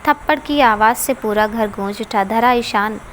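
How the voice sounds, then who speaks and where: A woman reading a dramatic family story aloud as the narrator, in a steady, dramatic reading voice. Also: a little high, normal speed, slight background noise. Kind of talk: scripted narration.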